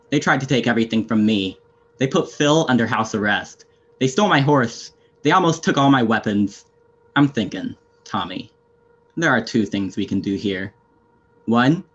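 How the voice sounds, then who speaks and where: A man's voice: medium pitch, slightly rough. A young man playing a stern, weary, menacing anarchist fighter, curt and sardonic, in an amateur video game role-play drama. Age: young adult. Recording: muffled lo-fi headset audio.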